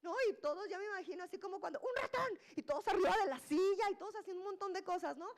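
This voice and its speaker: A woman preaching a sermon, her voice pitched high. She tells the story in a lively, joking, everyday way and acts out what the people in it say. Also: racing. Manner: colloquial and humorous.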